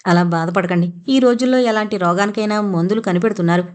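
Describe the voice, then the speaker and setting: A woman reading an audio novel, voicing a gentle young wife consoling her husband. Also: mid-range voice, fast, close to an everyday voice.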